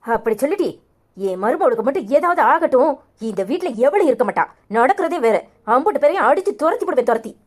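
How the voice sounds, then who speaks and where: A woman's voice: high-pitched, expressive, fast talker. A woman voicing a furious mother-in-law in a cartoon who threatens and scolds her family. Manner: shouting threats, domineering. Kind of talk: cartoon voice acting.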